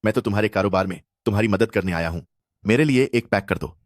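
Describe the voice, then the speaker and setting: A man's voice: on the low side, quick pace, no room sound, studio quality, close to an everyday voice. An actor dubbing a pushy, sneering man who harasses a street vendor. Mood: leering. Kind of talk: dubbed drama acting.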